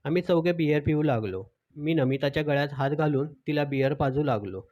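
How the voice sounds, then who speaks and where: A man narrating a story aloud in a calm, steady reading manner. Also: on the high side, brisk.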